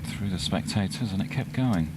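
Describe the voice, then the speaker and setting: Male golf commentator, low-pitched, measured live sports delivery, clear outdoor noise behind.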